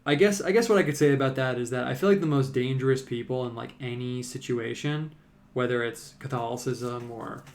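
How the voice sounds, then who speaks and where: Chill guy painting on stream, gravelly fry in his voice, rambles with lots of likes and ums. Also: medium pitch, fairly quick. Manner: rambling, relaxed, many "like"s and fillers. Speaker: artist streaming a live painting show. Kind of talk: casual live-stream chat while painting.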